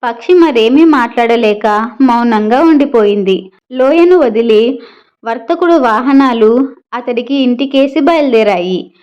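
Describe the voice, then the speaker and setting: A woman narrating a children's moral story in a steady, clear storytelling manner. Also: on the high side, measured pace, dull audio.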